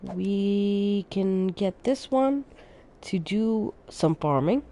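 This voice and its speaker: A woman streaming a city-building game, casually thinking aloud as she plays and sounding a little sleepy. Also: medium pitch. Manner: relaxed, thinking aloud, unhurried. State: sleepy, yawning. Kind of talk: casual gameplay commentary.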